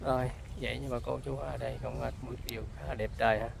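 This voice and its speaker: A man with a gravelly, rough-edged voice and a Southern Vietnamese accent hosts a casual rural vlog. He chats on and on, calling out to his viewers as he films in the open air. A faint wash of outdoor noise sits under his voice. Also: medium pitch, steady tone, fast. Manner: chatty, keeps addressing viewers as folks. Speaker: vlogger. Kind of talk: casual on-location vlog chat. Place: rural outdoors near buffalo and water.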